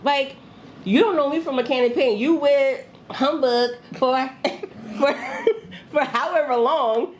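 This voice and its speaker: A woman's voice: sits high, a little slow, slight background noise. A woman from New Jersey hosting a candid advice podcast, talking bluntly with profanity and frequent laughter. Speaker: podcast host.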